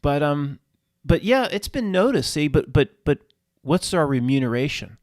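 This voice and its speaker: A man hosting his own channel, delivering a fervent spiritual rant that swears at unseen rulers, with halting restarts and repeated words. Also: on the high side, very animated, a little mellow, no echo, studio quality. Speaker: channel host. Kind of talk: ranting spiritual monologue.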